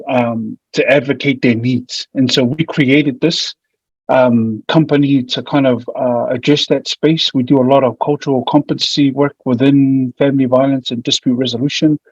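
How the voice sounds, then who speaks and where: A man's voice: mid-range voice, slightly rough. A man with a broad New Zealand accent giving an informal, slightly hesitant online presentation. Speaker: presenter, family violence mediator. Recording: muffled, echoey room audio.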